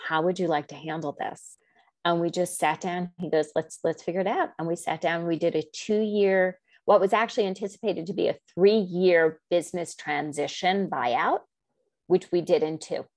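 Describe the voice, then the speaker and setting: A middle-aged woman with a fairly low voice tells her story in an interview, rambling through asides and restarts. She acts out the dialogue she quotes, leaping much higher in pitch. The sound is dry and close. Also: no echo. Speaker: guest.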